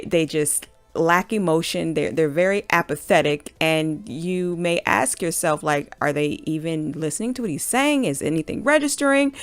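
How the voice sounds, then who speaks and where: A woman with a fairly low voice talks through teaching tips in a relaxed, chatty manner. She repeats words and restarts phrases as she explains. The sound is close and dry, with soft music behind her. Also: no echo. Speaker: teacher sharing classroom tips. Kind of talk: chatty instructional video talk.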